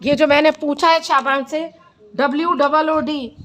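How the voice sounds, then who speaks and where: Woman teacher, high and slow, spelling words patiently for kids; faint noise behind. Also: steady tone, a bit bright. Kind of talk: classroom reading lesson.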